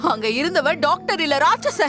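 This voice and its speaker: A tearful woman telling a dark past. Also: very high voice, sing-song, brisk. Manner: tearful storytelling. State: crying. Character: tearful woman recounting her father's past. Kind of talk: dubbed horror film acting. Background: film music.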